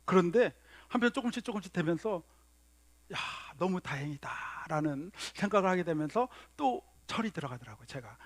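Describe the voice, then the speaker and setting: A man preaching a Sunday sermon as pastor, telling stories and acting out quoted lines in a lowered voice. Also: sing-song, fast, few pauses, dry recording.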